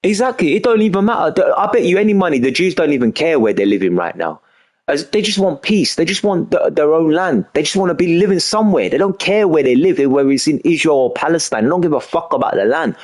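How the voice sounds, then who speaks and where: Lively and quick, with a fairly high pitch and a slightly mellow quality, a young man's voice runs through a casual monologue while he streams a game. He keeps repeating himself emphatically, often filling gaps with "you know what I mean."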